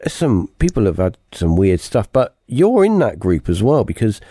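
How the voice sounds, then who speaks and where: A man's voice: lowish voice, big pitch swings, moderate pace, dark tone, dry recording, studio quality. A man hosting a podcast, chatting casually in a jokey, rambling way with lots of fillers. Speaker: podcast host. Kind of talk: casual chat.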